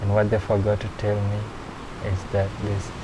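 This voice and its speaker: In a documentary interview, a young adult from South Sudan tells his story in a lowish voice at a moderate pace against a noisy background. He is reflective, though he grows animated when discussing performing.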